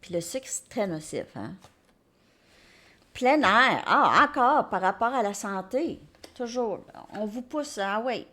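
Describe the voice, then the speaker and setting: A woman's voice: medium pitch, lively intonation, unhurried. A woman with a Québécois accent giving a casual, chatty tarot card reading. She talks in an upbeat way and thinks aloud between cards. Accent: Québécois French. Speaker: tarot reader.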